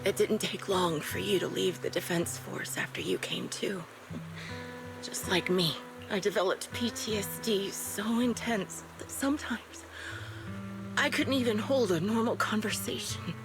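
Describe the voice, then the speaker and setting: A medium-pitched actress performs scripted video game story dialogue as a haunted, vengeful ex-soldier woman. Her delivery is measured and brooding, with a cold resignation.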